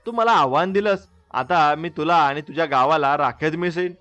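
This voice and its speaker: A man voicing a huge menacing male demon lord in a storybook tale, booming out threats. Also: normal speed, a bit bright, far from the mic, lo-fi sound, close to an everyday voice. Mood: threatening.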